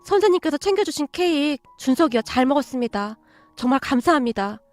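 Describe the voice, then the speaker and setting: A woman's voice: high-pitched, lively intonation, fast, darkish tone, no room sound, soft background music. A woman voicing a grateful widowed mother. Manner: polite and earnest. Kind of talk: radio story reading.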